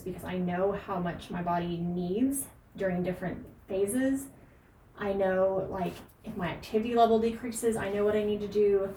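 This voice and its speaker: A woman's voice: mid-range voice, dark tone. A woman podcast host giving casual, emphatic fitness and nutrition advice, with frequent fillers. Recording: echoey room, distant mic, faint noise.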